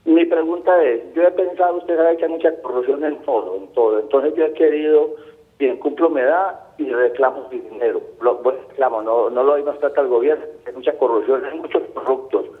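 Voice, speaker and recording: A man's voice: medium pitch, fairly quick. A man in his sixties with a Colombian accent, a caller who rambles and repeats himself. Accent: Colombian Spanish. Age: 60s. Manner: repetitive, rambling, keeps saying señorita. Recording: tinny phone line.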